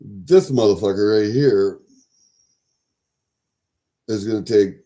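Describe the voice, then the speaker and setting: A man with a low, very mellow and relaxed voice hosts a casual livestream. He talks in a folksy, rambling way, thinking aloud and swearing freely as he addresses his viewers. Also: slow. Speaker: livestream host.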